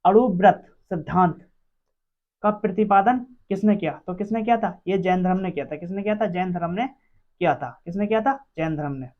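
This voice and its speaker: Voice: mid-range voice, fairly quick. A teacher running an exam-prep quiz lesson, asking each question aloud and answering it, repeating every answer several times. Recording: dull lo-fi recording.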